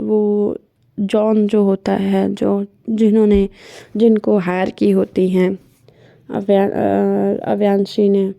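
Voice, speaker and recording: A woman's voice: mid-range voice, gravelly, warm tone, no echo, clean studio sound. A woman vlogger casually narrating a love story in a chatty way, with fillers and self-corrections.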